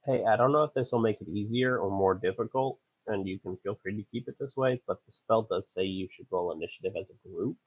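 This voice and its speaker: Husky, hesitant player on a dull line. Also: male voice, fairly low pitch, brisk, few pauses, no echo. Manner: polite, hesitant suggestions. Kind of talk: tabletop game play. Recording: dull lo-fi online call.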